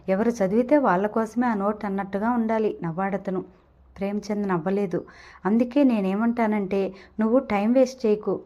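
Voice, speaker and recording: Mellow-voiced woman reading a novel aloud. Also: medium pitch. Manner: steady storytelling narration, voicing dialogue lightly. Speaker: audiobook narrator. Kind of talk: reading a Telugu audio novel.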